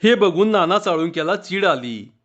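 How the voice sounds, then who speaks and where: A man's voice: sits high, lively intonation, fairly bright tone. A man reading a humorous story aloud, narrating steadily and voicing the village dialogue. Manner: measured narration with voiced dialogue. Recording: dull lo-fi recording.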